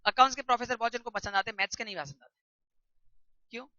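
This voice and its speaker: Bright-voiced teacher lecturing a class. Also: male voice, very high-pitched, racing, no room sound, muffled recording. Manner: conversational, asks the class questions.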